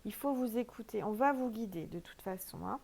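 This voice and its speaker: A woman's voice: medium pitch, lively intonation, fairly quick, vocal fry, darkish tone. A woman with a French accent doing a casual spiritual oracle card reading, chatty and emphatic, with many fillers.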